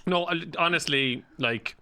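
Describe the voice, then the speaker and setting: A man's voice: fairly high pitch, a little slow, pushed and bright, smooth. An Irish man chatting as a podcast guest, camp and playful with lots of slang. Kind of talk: casual chat.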